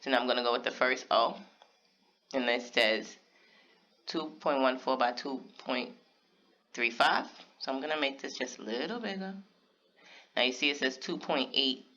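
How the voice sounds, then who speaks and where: Speaking straight to his viewers, a man walks through a craft tutorial step by step in a casual way. His voice is bright, forceful, and medium-pitched, though the recording comes across a little dull and lo-fi.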